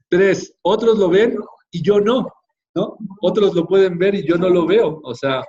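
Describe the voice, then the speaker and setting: A man with a Mexican accent teaching a church class in a relaxed, conversational way, often checking in with his listeners. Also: high-pitched, takes it slowly, pauses often, lo-fi sound. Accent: Mexican Spanish. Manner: conversational, frequent tag questions, addresses the class directly.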